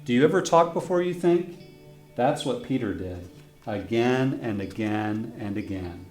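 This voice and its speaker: Sharing a children's book he wrote, this friendly storyteller stops now and then to put questions to his young audience. His medium-pitched voice is animated and darkish in tone, his pace measured, with roomy echo and soft guitar music in the background.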